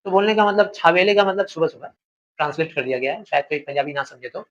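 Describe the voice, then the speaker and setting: A man's voice: on the high side, fast, a bit bright, highs cut off. A male teacher explaining a literature lesson, paraphrasing the text and asking rhetorical questions.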